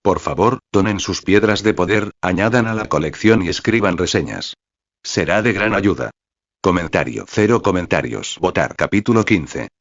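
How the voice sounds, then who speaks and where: A man narrating a fan-fiction novel in the first person, in a steady read-aloud manner. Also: sits low, normal speed, dry recording. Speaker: novel reader. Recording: dry, slightly dull recording.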